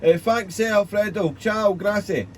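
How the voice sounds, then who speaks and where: A man working as an amateur radio operator, deliberately spelling out call signs in phonetic alphabet and repeating himself. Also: sits high, a little mellow, slight background noise. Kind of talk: ham radio exchange with phonetic alphabet and signal reports.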